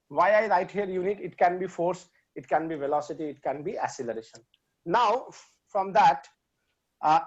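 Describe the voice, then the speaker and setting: A man's voice: high-pitched, highs cut off. A man teaching physics. He switches between Hindi and English and works through sums aloud, counting step by step. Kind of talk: online lecture.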